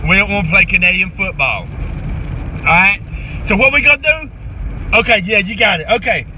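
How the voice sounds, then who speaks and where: A man's voice: sits high, animated, normal speed, sharp tone, pitched below the performer's own voice, heavily acted. A man with an American accent playing a folksy, commanding football coach giving a repetitive halftime pep speech in a comic parody. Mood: urgent, insistent. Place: inside a moving car. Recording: muffled phone recording with car road noise.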